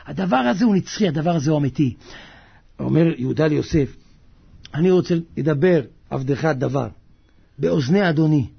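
A man delivers a sermon in a high, husky voice that leaps up and down with lively energy. He acts out the characters in his anecdotes with comic flair, moving between loud bursts and hushed asides. The recording sounds muffled and lo-fi. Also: pauses often. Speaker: rabbi. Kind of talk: Torah sermon with comic storytelling.

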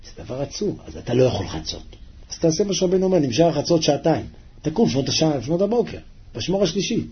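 A man's voice: on the high side, sing-song, husky. Impassioned man preaching a lo-fi sermon. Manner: impassioned, swings between soft pleading and loud exhortation. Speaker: rabbi giving a Torah class. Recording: slightly muffled lo-fi recording.

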